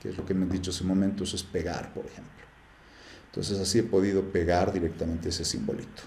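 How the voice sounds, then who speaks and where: A man's voice: low voice, flat delivery, quick pace, gravelly, darkish tone, reverberant, slight background noise. A man teaching a live class, chatty, with many fillers and often checking in with the students. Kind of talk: live class screen-share tutorial.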